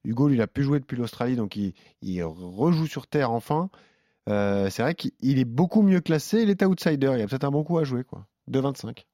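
A man's voice: mid-range voice, animated, a little fast, dark tone, no echo, studio quality. Chatty man reading betting odds. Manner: reads out odds and stats, chatty. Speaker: sports betting show host. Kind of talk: casual chat.

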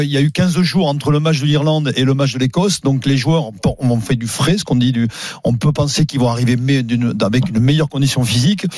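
A man's voice: medium pitch, darkish tone, dry recording. A man debating as a rugby pundit on a radio sports panel, insistent, stumbling over repeated restarts as he pushes his point.

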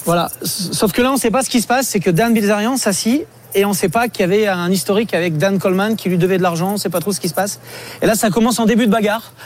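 Excited fast-talking man with a Southern French accent. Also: sits high, a little hiss or hum. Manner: fast, excited storytelling with many fillers. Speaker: poker tournament commentator calling in. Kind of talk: lively casual chat.

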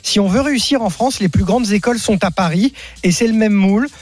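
High-voiced man reading out radio listener messages. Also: brisk, a little mellow, no room sound.

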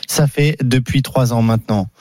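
A man's voice: medium pitch, moderate pace, darkish tone. Blunt interrupting male pundit. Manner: blunt, cuts in with repeated objections. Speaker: radio pundit. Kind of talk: heated debate.

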